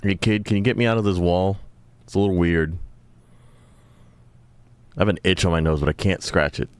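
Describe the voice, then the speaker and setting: Deep-voiced, rambling male streamer. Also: normal speed, clean tone, no room sound. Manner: rambling, lots of ums and uhs, excitable. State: tired voice. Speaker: game streamer. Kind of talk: casual live-stream chat.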